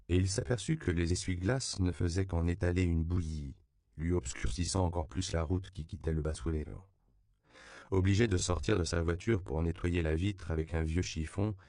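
A man narrating an audiobook with a very deep, gravelly voice. His reading is even and measured, smooth and resonant, recorded close and dry. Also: dry recording.

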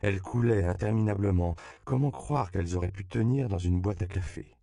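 A tactful American missionary speaks gently and considerately, as a male audiobook reader voices him. The voice is deep and gravelly, with a dark, smooth tone. The recording is dry and close. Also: fairly quick, no room sound. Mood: awed. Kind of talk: audiobook character reading.

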